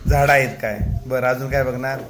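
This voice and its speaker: Gently teasing man interviewing a child. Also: mid-range voice, steady tone, brisk, noisy background. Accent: Marathi. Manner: gently teasing, coaxing questions. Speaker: teacher interviewing a pupil.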